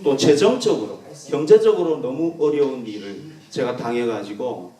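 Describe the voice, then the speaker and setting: Man, pastor, sermon, earnest and emphatic, animated pitch, echoey church room. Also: normal speed, distant mic. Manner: earnest, emphatic, swings from loud to soft. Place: church sanctuary.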